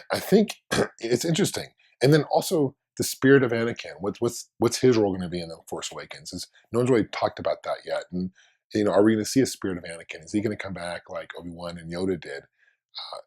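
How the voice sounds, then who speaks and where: Hoarse from being under the weather, a man hosts his own fan video, rambling casually and restarting often as he thinks aloud. His voice sits low and is a little mellow.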